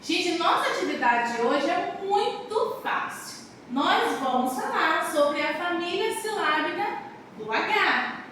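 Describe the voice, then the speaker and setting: High-voiced, lively woman teacher. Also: takes it slowly, slight background noise. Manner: animated, sing-song, speaking to young children. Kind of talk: children's lesson. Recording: very echoey room, far from the mic.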